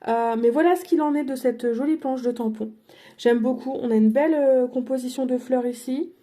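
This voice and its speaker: A woman's voice: high-pitched, fairly even intonation, moderate pace, mellow. A woman showing her craft purchases in a casual vlog, chatty and hesitant, with many fillers and self-corrections. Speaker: crafting vlogger. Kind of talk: casual product haul.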